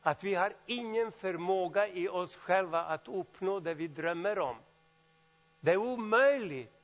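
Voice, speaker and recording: A man preaching a sermon, swinging between loud exclamations and quiet asides. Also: high-pitched, lo-fi sound.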